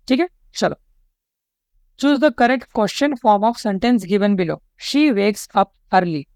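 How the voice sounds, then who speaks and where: A woman's voice: mid-range voice, darkish tone, clean tone, dry recording, clean studio sound. Indian woman tutoring exam questions. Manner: says "theek hai" and "chalo" after nearly every step; reads English question lines slowly and deliberately. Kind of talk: explaining exam questions step by step.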